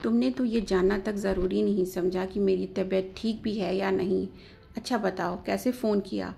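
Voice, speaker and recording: A woman's voice: mid-range voice, steady tone, normal speed, creaky, mellow. A woman voicing an angry, stubborn young wife who talks sharply and indignantly.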